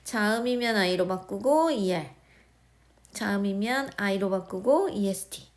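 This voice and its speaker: A woman teaching English grammar in a recorded lesson, speaking with a Korean accent, explaining step by step and often checking that students follow. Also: medium pitch. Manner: slow, explaining, repeating words and checking understanding.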